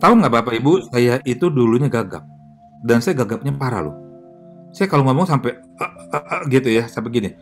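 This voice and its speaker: Male pastor, mid pitch, conversational sermon delivery, frequent fillers, faint guitar underneath. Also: a little fast. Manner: lively, chatty preaching with audience questions; filler-heavy, self-correcting delivery.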